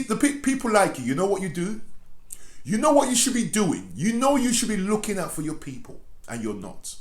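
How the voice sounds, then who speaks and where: Man, confrontational commentary, slightly high voice, roomy echoey room. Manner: confrontational, addresses his target directly, repeats phrases. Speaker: online commentator. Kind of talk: impassioned commentary. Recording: roomy echo.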